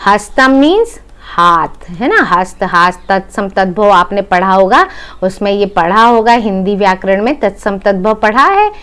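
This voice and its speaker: A woman's voice: mid-range voice, animated, measured pace, a bit bright, smooth. A woman teacher explaining a Sanskrit lesson in Hindi, going word by word, repeating each meaning and checking in with her students. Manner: addresses students as "बेटा".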